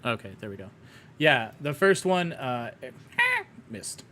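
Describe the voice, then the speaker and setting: A young man acting as game master on a tabletop stream keeps things casual and profane, joking and laughing between rulings. His mid-range voice swings widely in pitch with a sharp tone, over a slight hiss or hum.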